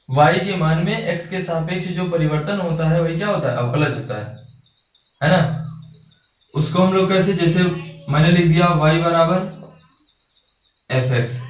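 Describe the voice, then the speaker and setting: A male teacher giving a classroom math lesson, asking his students questions and repeating their answers, spelling out notation slowly. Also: sits high. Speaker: subject teacher. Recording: echoey room from far off, dull lo-fi.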